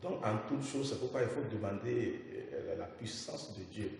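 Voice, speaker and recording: Animated man in an echoey room. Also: lowish voice, moderate pace, far from the mic, a little hiss or hum. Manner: animated, repeats and affirms the host's words. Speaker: guest speaker on a religious program. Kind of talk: radio talk discussion.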